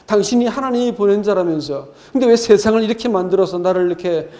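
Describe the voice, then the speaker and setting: A preacher putting on a condemned man in his last hour, shouting blame upward in a raised, strained voice. Indignant and accusing, heard within a spoken sermon. The tone is mellow underneath the anger. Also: high voice, quick pace, lightly acted. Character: angry condemned male criminal demanding rescue.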